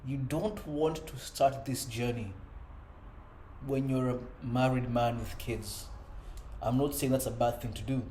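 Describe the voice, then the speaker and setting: Man, 30s, earnest reflective monologue; mellow tone, echoey room with faint background hum. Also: mid-range voice, fairly even intonation, measured pace. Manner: earnest, conversational, frequent "you know" and "right?". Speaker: self-improvement vlogger.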